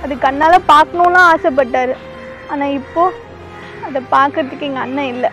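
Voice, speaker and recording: A woman's voice: high-pitched, moderate pace, fairly bright tone. A young woman acting in a comedy skit, talking in a tearful, wheedling way. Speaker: comic actor. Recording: music over the scene.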